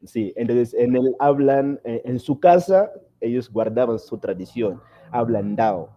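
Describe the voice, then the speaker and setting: Guy on a podcast, really mellow dark voice, kinda muffled audio, keeps restarting words. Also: medium pitch, unhurried. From Mozambique. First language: Portuguese. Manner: hesitant, restarts words, thinks aloud. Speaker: podcast guest, dance teacher. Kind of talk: casual interview chat.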